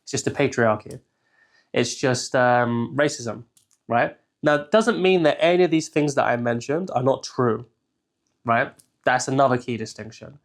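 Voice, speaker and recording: A young man from England talks through ideas as a coach in a relaxed, unscripted solo talk. His voice sits at an ordinary middle pitch, and he keeps checking in with his listener after almost every point. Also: normal speed. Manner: conversational, keeps checking in with "right?". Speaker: life coach. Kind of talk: casual solo teaching talk.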